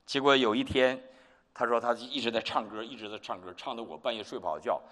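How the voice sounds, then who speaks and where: A male pastor preaching a sermon, telling a story with lively animation. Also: mid-range voice, quick pace. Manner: animated storytelling, acts out quotes. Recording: long reverb hall.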